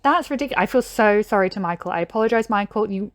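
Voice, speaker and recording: A young British woman casually reacting to a video, thinking aloud and getting excited. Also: mid-range voice, fast talker, dry recording, clean studio sound. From Britain.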